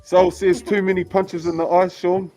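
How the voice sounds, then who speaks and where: A man's voice: high voice, level tone, moderate pace, warm tone, soft background music, low-quality recording. A man in a casual livestream chat, chuckling and chiming in with short remarks.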